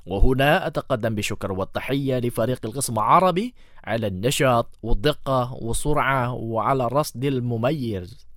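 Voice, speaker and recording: A man's voice: medium pitch, brisk, a bit bright, no room sound. Guy hosting a radio show in formal standard arabic, dry sound, reading stuff out. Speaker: radio host.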